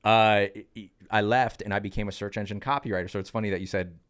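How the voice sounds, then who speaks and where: Chatty low-voiced man in his thirties. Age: 30s. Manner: lively, chatty, quick bursts with fillers. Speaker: podcast co-host. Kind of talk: casual storytelling in podcast chat.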